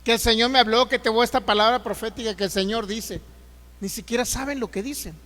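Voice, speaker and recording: A Mexican man preaching in a church hall, his voice sitting unusually high for a man. He slows down and gets louder whenever he reads scripture, then drives the point home with rhetorical questions to the congregation. A long reverb trails behind every phrase. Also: fairly even intonation. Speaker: pastor. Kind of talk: sermon.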